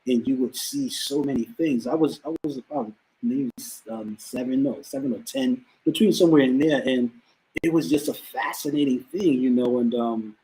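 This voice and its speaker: A Bronx hip hop artist in his fifties, with a New York accent, shares his story as a guest in a casual interview, sounding reflective and a little emotional and often repeating words. His voice is mellow and medium-pitched at normal speed, though the audio is poor.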